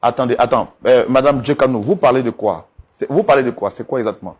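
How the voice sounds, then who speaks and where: A man hosting and mediating a couple's dispute, coaxing and calming them with polite, repeated requests. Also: medium pitch, fast, slightly rough. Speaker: host and mediator. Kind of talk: talk show mediation.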